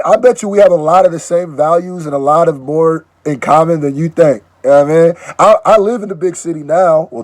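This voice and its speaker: A man raised in Nigeria hosts a reaction video and talks in a loose, joking way, often cutting in on the clip he plays. His voice sits a touch high and swings widely in pitch. The sound is dry, with no room echo. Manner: animated, joking, interjecting. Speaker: YouTube reaction host. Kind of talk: casual reaction commentary.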